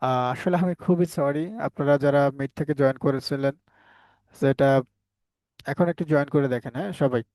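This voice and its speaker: A man's voice: medium pitch, brisk, pauses often, darkish tone, no room sound. A man teaching an online class, drilling his students with repeated questions and answers. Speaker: English teacher. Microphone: headset.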